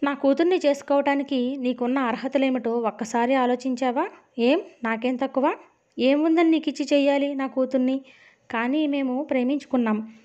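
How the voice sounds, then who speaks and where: A woman narrating a novel aloud with a Telugu accent, in a steady storytelling manner, lightly voicing the dialogue. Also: high voice, normal speed, lo-fi sound.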